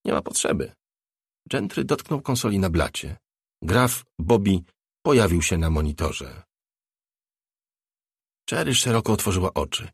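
A man narrating an audiobook in a measured, steady reading. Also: low voice, creaky, slightly rough, dry recording, studio quality.

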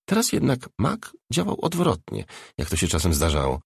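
A man reading a novel aloud as an audiobook narrator, in a measured, even storytelling delivery. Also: deep voice, gravelly, slightly rough, no room sound, studio quality.

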